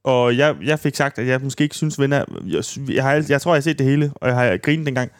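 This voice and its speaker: A man's voice: mid-range voice, smooth, dry recording, clean studio sound. A man co-hosting a podcast, telling crude, rambling stories in casual chat with lots of hesitation. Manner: rambling, crude storytelling with many fillers. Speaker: podcast co-host.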